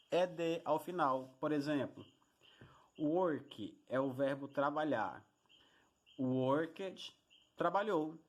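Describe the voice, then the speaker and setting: A man's voice: a little high, darkish tone. A man teaching a recorded lesson who explains each rule step by step, often repeating it and checking with the listener. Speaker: English teacher.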